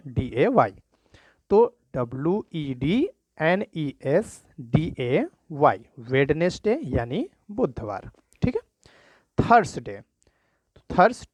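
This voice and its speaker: A man teaches a simple spelling lesson at a slow, deliberate pace and spells each word out letter by letter. His voice sits a little high for a man. The sound is close and dry, with no room around it. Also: a little mellow, no room sound. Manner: spells words letter by letter slowly, often repeats "thik hai".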